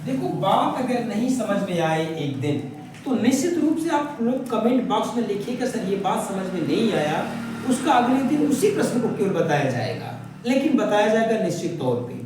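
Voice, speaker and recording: A male teacher walking through an exam paper, asking his own questions and answering them, stretching key words slowly. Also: sits high, sing-song, noisy background. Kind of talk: exam paper walkthrough lesson. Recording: very echoey room from far off.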